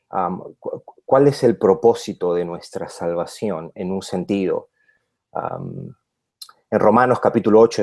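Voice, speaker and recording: A middle-aged man from Peru, a pastor talking in a radio interview, often pausing with fillers and restarting his words. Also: low voice, a little mellow. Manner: hesitant, many fillers and restarts.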